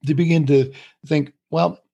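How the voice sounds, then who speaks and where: A husky-voiced man at an everyday middle pitch talks through ideas with a co-host. He explains in an earnest, steady way and laughs easily between points. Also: fairly quick, dull audio. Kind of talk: conversational podcast talk on communication.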